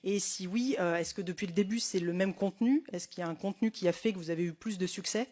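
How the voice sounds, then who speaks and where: A woman's voice: on the low side, fast, darkish tone. A woman acting as rapporteur at a hearing, asking long, winding questions with frequent hesitations. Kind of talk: formal questioning.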